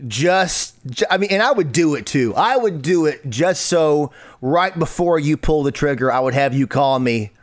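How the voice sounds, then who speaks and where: A man with a high voice hosts a comedic chat show. He tells stories in an animated, joking way and reacts with loud disbelief. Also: moderate pace. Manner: animated, incredulous, jokey. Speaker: podcast host.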